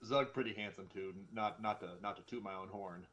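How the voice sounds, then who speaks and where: A man plays a tabletop role-playing game in a lowish voice. He improvises casually and haltingly, doubling back on words as he goes. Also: steady tone, fairly bright tone, slight background noise. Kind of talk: casual improvised character play.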